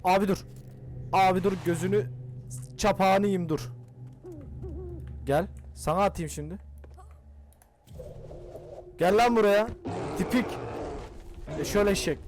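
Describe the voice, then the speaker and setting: An excitable young man talks through his gameplay, cursing and pleading with the characters on screen. His voice sits high for a man. Faint noise runs under the recording. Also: a little slow, pauses often. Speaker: gaming channel host. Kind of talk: casual gameplay commentary.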